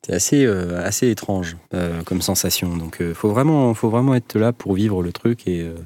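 A man's voice: deep voice, normal speed, dark tone. A man hosting a casual chat, talking hesitantly with many filler sounds.

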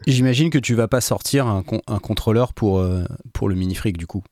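A man hosting a live stream, asking his guest questions in a relaxed, joking way. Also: fairly low pitch, a little fast, no echo, clean studio sound. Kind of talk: casual live-stream chat.

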